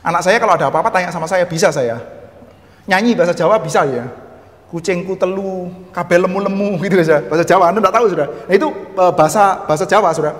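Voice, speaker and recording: A man with a Javanese-tinged Indonesian accent teaches church history, talking quickly in a fairly high voice. He keeps addressing his listeners directly and slips in humorous asides, and the sound carries a long, hall-like reverb.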